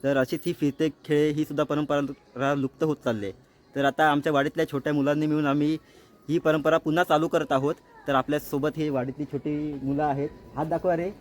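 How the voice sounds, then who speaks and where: A man's voice: a little high, little pitch movement, fast, a little hiss or hum. A man from Konkan in Maharashtra who hosts a vlog, introducing it to camera in a friendly, casual way and speaking straight to his viewers. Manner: friendly, direct address to viewers. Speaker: vlog host.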